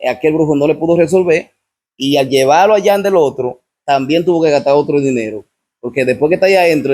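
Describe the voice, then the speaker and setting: Dominican man, guest testimony, husky and fairly high-pitched, repeats "what happens?" to drive the story. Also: darkish tone. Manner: repetitive storyteller, keeps asking "what happens?".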